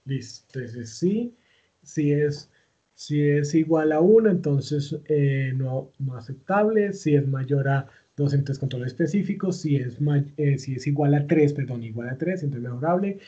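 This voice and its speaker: A man teaches a recorded online class, going step by step with plenty of fillers and restarts. His voice sits a little high and sounds dark and husky. The computer mic gives it a dull, lo-fi sound. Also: lively intonation, unhurried. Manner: patient, step-by-step, many fillers and self-corrections. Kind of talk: recorded online class, screen-share tutorial.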